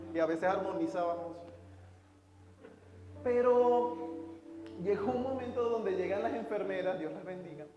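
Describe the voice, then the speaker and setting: A man preaching a sermon, telling a personal story with emotional swings between soft, hushed lines and loud outbursts. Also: sits high. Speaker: pastor. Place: church hall. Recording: echoey church hall with music.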